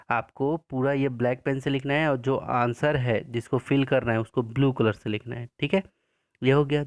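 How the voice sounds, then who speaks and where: A man from India teaching an English lesson in Hindi, spelling words out letter by letter in a slow, patient way. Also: medium pitch, clean tone, no room sound. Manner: slow and patient, repeats "ठीक है".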